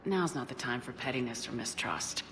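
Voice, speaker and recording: A woman's voice: rumbling low, animated, normal speed, music in the background. A woman playing a confident military commander in a video game, composed and direct with a dry wit. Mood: firm. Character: steady, wry female military commander, confident.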